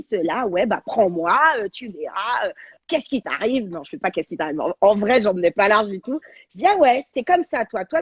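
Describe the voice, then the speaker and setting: A woman, a guest on a talk show, telling a personal story in an animated, slangy, dramatic way over a video call. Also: mid-range voice, slightly rough, dry recording, lo-fi sound. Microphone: video call on a livestream.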